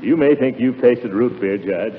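An actor playing a blustering, nervous middle-aged uncle in a theatrical 1940s radio comedy style, muttering to himself. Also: male voice, medium pitch, normal speed, lightly acted. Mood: sly, friendly. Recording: tinny, echoey, noisy 1940s radio recording.

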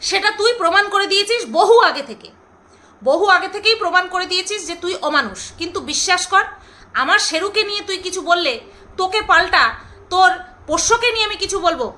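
A woman's voice: extremely high pitch, bright, forceful tone. A middle-aged woman vlogger delivering an angry, sarcastic rant straight to camera, scolding and repeating her phrases for emphasis. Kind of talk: angry ranting monologue to camera.

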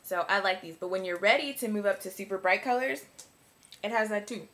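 A young woman chats her way through a makeup review at her own easy pace. She rambles and fills her sentences with likes and ums. Her voice sits at an ordinary middle pitch. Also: fairly quick, a bit bright. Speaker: beauty vlogger.

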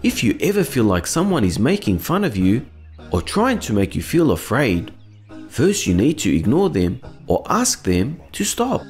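Lively, kind cartoon mentor. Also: male voice, mid-range voice, normal speed, faint music behind. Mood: earnest teaching. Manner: earnest, encouraging, instructive. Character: kind, wise male cartoon friend who guides children. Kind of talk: children's educational cartoon acting.

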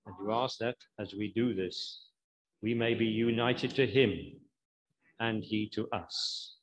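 A man leading a communion service, speaking in a measured, solemn and reverent way into a pulpit microphone. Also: lowish voice, steady tone, low-quality recording. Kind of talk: liturgical prayer and service instructions.

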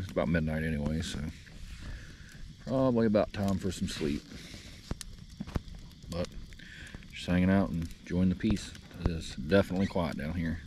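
A man's voice: sits low, noisy background. A middle-aged man from West Virginia, rambling in a casual camping vlog, talking straight to his viewers outdoors at night. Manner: laid-back, rambling, talks straight to viewers. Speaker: outdoor vlogger. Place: outdoors at night by a campfire on a dried lakebed.

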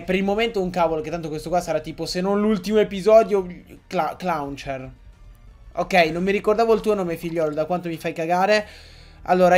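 A young man giving excitable, joking Let's Play commentary to his viewers, often swearing. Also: high-pitched. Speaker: gaming YouTuber.

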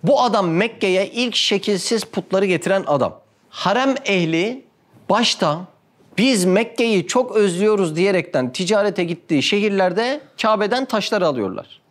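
A man with a notably high voice gives a religious talk in storytelling form. He keeps asking his listeners rhetorical questions and acts out the quoted dialogue with lively, shifting delivery. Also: normal speed. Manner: animated, asks the audience frequent rhetorical questions. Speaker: religious speaker.

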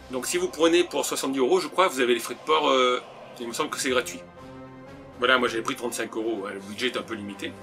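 A man's voice: mid-range voice, sharp tone. A man casually chatting while unboxing and tasting snacks on camera, hesitant and full of fillers. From France. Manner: chatty, hesitant, many "euh" and "voilà". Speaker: vlogger tasting food.

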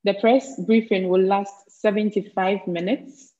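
Mellow woman moderator, dull call audio. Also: mid-range voice, steady tone, measured pace. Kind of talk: scripted event introduction. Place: small indoor room. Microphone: video call.

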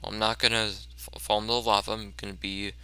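A man's voice: fairly low pitch, brisk, clear, resonant tone. A man giving casual, self-mocking commentary over a video game, stammering and restarting often. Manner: excited yelps during tense moments. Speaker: let's play commentator.

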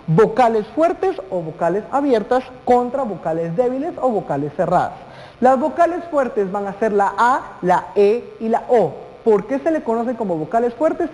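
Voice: mid-range voice, big pitch swings, moderate pace, mellow. Teacher with ringing hall reverb. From Guatemala. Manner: addresses students directly, asks questions, stretches key words. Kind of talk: televised classroom lesson.

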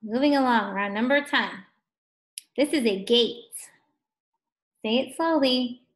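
Young teacher lady doing a phonics lesson for little kids, slow and encouraging, kinda high voice. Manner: slow, encouraging, stretches out words. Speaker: first grade teacher. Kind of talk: distance learning phonics lesson.

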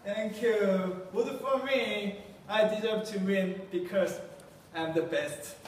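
A man's voice: high-pitched, slow, a little hiss or hum. Young male contestant, hesitant and jokey, lots of fillers, distant and heavily echoing. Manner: hesitant, joking, many "uh"s. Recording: very echoey room, far mic.

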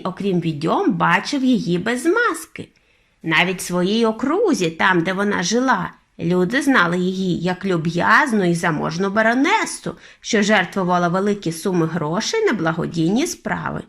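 A woman reading an audiobook and voicing an elderly grandmother who speaks calmly and deliberately. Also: lowish voice, vocal fry, slightly rough, exaggerated voice. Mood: explaining. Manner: measured, unhurried, knowing. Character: calm, determined elderly grandmother.

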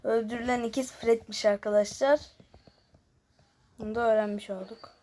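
A woman with a fairly high voice and fairly even intonation chats at a moderate pace while playing a guessing game as host of a gaming video. She mixes muttered, sometimes near-whispered asides with louder, chattier lines to viewers. Clicking and background noise are noticeable.

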